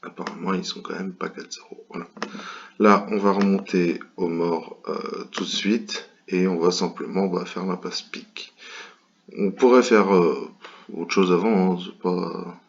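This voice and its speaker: A man's voice: sits low, steady tone, a little slow, creaky, lo-fi sound. A man from France commentating an online bridge tournament in a casual, hesitant way, with many fillers and restarts.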